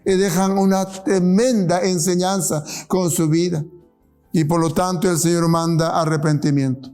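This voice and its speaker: A man preaching a sermon and leading a closing prayer, earnest and pleading, slowing down to stress key phrases. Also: sits high, fairly even intonation, mellow, soft background music. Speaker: pastor.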